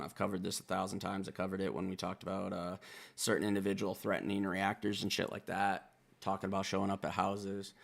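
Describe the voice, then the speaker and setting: A man with a lowish, gravelly voice reacts to a rap album as a reviewer. He talks casually and swears freely, digging into the lyrics with a self-described country boy's enthusiasm. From Wisconsin. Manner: animated, profane, self-styled country boy breaking down lyrics.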